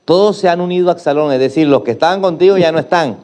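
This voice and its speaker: A man's voice: fairly high pitch, fast, darkish tone. Man preaching an emphatic sermon. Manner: emphatic preaching with call-and-response prompts. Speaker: pastor.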